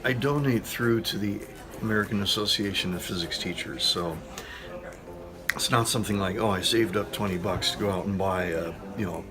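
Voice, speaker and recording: A man's voice: fairly low pitch, normal speed. A man around fifty, a physics teacher, talking in a rambling, anecdotal way in an interview. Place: school science lab. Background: background music.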